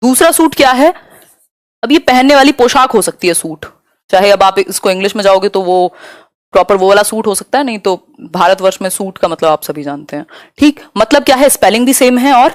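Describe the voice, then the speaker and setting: A young woman teaching a live online exam-prep class, explaining terms in a mix of Hindi and English and slowing down to read questions aloud. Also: mid-range voice, expressive, no echo, clean studio sound.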